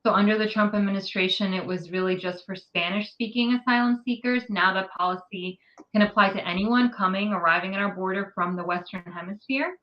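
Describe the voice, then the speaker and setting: A woman's voice: mid-range voice, a little fast, lo-fi sound. A woman from New York City, an immigrant rights advocate, giving articulate, detailed interview answers with frequent ums.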